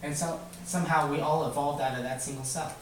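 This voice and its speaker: Fast-talking and steady in tone, this man has a fairly high voice and keeps nudging the kids with repeated questions while he explains things in simple terms. It's an informal lesson, recorded in an echoey room on a distant mic with a bit of background noise.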